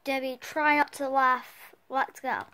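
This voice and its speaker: A woman hosting a casual challenge video, chatting excitedly and talking straight to her viewers. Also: high-pitched, measured pace. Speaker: video host.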